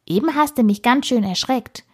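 An eager, curious young woman from a fairy-tale storybook, played by the woman who reads it. Her voice is lifted above the reader's own and has a soft breathiness. She sounds a little startled but brave. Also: on the high side, lively intonation, normal speed, breathy edge, voice pushed up. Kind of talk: storybook narration.

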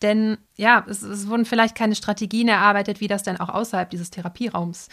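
A woman's voice: mid-range voice, fairly even intonation, brisk, fairly bright tone. A woman voice therapist speaking in a podcast conversation, explaining her approach thoughtfully with many small fillers. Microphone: podcast microphone.

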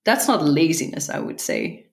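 A woman's voice: low voice, huge pitch swings, moderate pace, creaky. A woman answering interview questions thoughtfully, often repeating a word as she gathers her thoughts. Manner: thoughtful, repeats words as she thinks, laughs lightly. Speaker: guest. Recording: echoey room.

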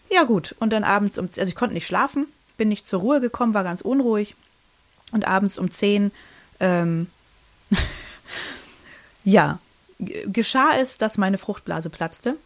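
A woman in her thirties chatting casually on a podcast, telling a personal story with many fillers and restarts and acting out what people said. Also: medium pitch. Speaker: podcast co-host.

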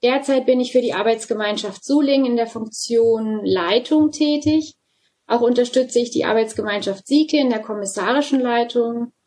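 A woman in her forties introduces herself in a fluent, orderly way. Her voice sits slightly high. She sounds composed and clear in her phrasing. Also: normal speed, darkish tone. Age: 40s. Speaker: regional group leader. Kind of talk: podcast interview answers.

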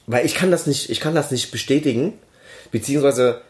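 A man's voice: mid-range voice, a little fast. A man, co-hosting a podcast in casual chat, joking and restarting his sentences. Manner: joking, talks in fits and restarts. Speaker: podcast co-host.

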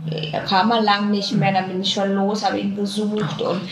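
A woman telling a personal story in conversation, halting and reflective, often searching for words. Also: mid-range voice, little pitch movement. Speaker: interview guest. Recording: echoey room with faint noise.

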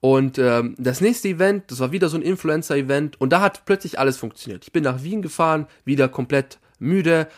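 A young man telling an anecdote casually to his viewers, animated and often restarting his sentences. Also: fairly high pitch, a little fast, few pauses. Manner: lively, animated storytelling, often breaking off to restart. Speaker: vlogger telling a story. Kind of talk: casual storytelling to camera.

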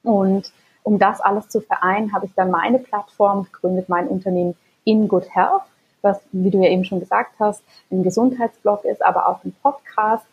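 Husky-voiced woman from Germany. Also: mid-range voice, steady tone, normal speed, highs cut off. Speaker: podcast guest, physician and health coach. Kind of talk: conversational interview.

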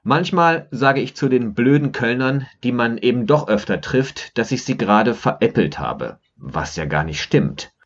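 A man's voice: medium pitch, expressive, measured pace, hardly any pauses, lo-fi sound. A man from Germany's Rhineland, a podcaster, reading his own personal essay with wry irony. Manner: wry, ironic storytelling. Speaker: podcaster and blogger. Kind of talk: scripted personal essay narration.

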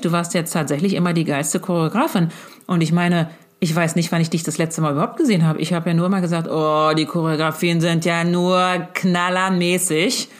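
Effusive, chatty middle-aged woman. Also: on the low side. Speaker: mother addressing her grown daughter. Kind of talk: casual video message. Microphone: handheld phone.

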